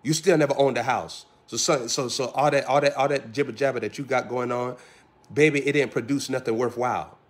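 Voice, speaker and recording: A man's voice: mid-range voice, steady tone, a little fast. A man a sermon, driving his points with rhythmic repeated phrases and pointed questions. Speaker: preacher.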